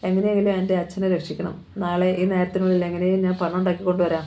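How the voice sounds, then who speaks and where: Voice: mid-range voice, flat delivery, quick pace, warm tone, close to an everyday voice. A narrator voicing a desperate, proud young man from a poor family in a storybook thriller reading. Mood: pleading. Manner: pleading, emotional.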